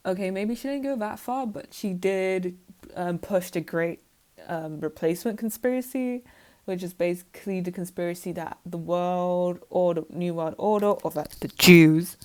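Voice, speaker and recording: A woman's voice: medium pitch, darkish tone. A woman vlogger talking casually to camera in a rambling, self-mocking way, with many fillers. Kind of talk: casual monologue.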